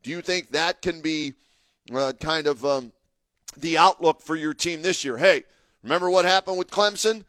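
Here a male co-host with a slightly high, fairly bright voice talks at a normal pace, sounding chatty until he gets worked up arguing his point on sports talk radio. No room sound can be heard.

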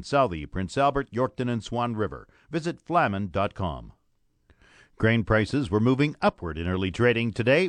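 Male Canadian farm radio announcer, animated scripted news read, dry close studio sound. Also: mid-range voice, no room sound. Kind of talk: scripted broadcast narration of market news and sponsor reads.

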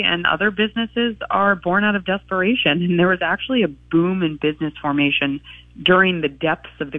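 A man reporting business news for a radio show in a brisk, informative way. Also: a little high, no echo. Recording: tinny phone line.

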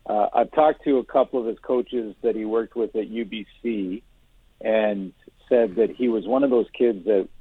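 A man giving measured football analysis as a guest on a sports radio show, restarting his sentences often. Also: on the low side, slightly rough, dry recording. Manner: measured, many restarts and hedges. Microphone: phone. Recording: tinny phone line.

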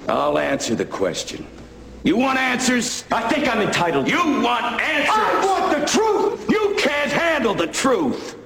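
An actor playing a furious older military officer, shouting and defiant, in an echoey film clip from a distance. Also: male voice, extremely high pitch, huge pitch swings, measured pace, gravelly, a little hiss or hum, full character voice.

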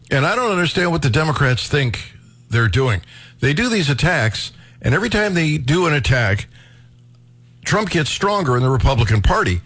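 A man hosting a talk radio show, chatting casually with a guest in a halting way with many fillers. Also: mid-range voice, fairly bright tone, dry recording.

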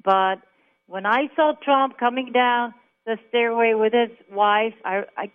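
A woman's voice: fairly high pitch, measured pace. Woman from israel calling in, tinny phone line, emphatic chatty storyteller. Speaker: caller. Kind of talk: phone interview on talk radio.

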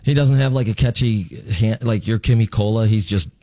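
A man's voice: on the low side, fairly even intonation, brisk, warm tone, no echo. A man hosting a casual, joking radio interview in a sarcastic, irreverent way. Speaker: radio show host.

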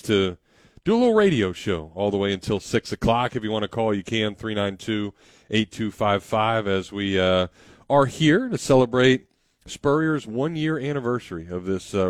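A man's voice: fairly low pitch, expressive, moderate pace, no echo, clean studio sound. A man hosting radio in a conversational style, also reading sponsor spots. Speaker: radio host.

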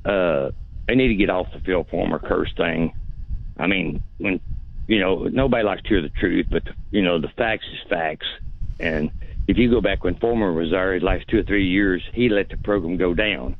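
A man's voice: deep voice, normal speed, gravelly. A man calling in to a sports radio show over a phone line, blunt and rambling in a folksy way. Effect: heard over a phone line. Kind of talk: casual call-in opinion.

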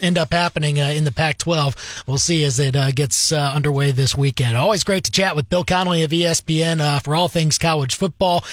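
Man, radio host, slightly higher voice, dry studio sound, easygoing. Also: dry recording. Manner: friendly, conversational, with many fillers. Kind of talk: casual radio interview.

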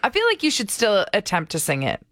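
A woman's voice: mid-range voice, wildly swooping pitch, a bit bright, no room sound, studio quality. A woman co-hosting a morning radio show, chatty and teasing as she reads listener comments. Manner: chatty, teasing, quick to laugh. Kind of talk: casual morning radio chat.

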